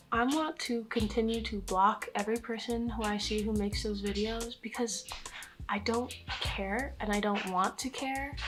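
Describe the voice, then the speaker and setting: High-pitched young American woman, candid. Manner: candid, self-deprecating, swearing freely. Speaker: vlogger. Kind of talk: casual Q&A vlog chat.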